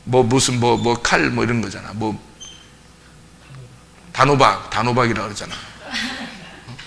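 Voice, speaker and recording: A man's voice: mid-range voice, unhurried, creaky, slight background noise. A male pastor teaching a casual Bible study, asking his group questions and acting out scenes from the text. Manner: animated, acts out scenes, asks the group questions. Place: church.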